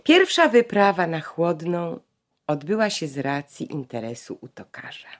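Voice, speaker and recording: A woman narrating a literary audiobook in a measured, expressive reading. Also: low voice.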